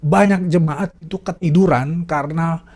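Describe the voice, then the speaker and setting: A man voicing a calm, matter-of-fact male angel who explains in casual slang. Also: on the high side, moderate pace. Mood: calm explaining.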